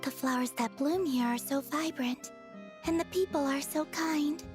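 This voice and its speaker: High-voiced, naive young woman. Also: unhurried. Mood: innocent, matter-of-fact. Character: gentle naive young woman, earnest and oddly literal. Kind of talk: video game character dialogue. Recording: background music under the dialogue.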